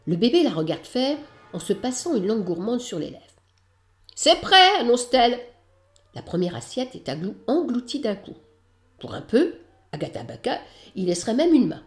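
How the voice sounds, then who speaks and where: A woman narrating a children's storybook aloud in an expressive, lively way. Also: mid-range voice, fairly quick, faint music behind.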